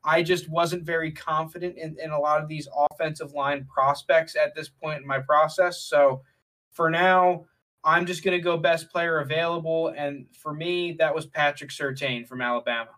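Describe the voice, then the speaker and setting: A man co-hosting a casual sports talk show, relaxed and using many fillers. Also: on the high side, normal speed. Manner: relaxed, filler-heavy, leads the segments. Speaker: podcast co-host. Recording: voice distant from the mic.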